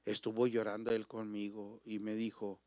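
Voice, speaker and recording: A middle-aged man from Mexico, preaching with emotional storytelling that swings from loud exclamations to near-whispers. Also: fairly low pitch, monotone, moderate pace, no room sound. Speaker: pastor.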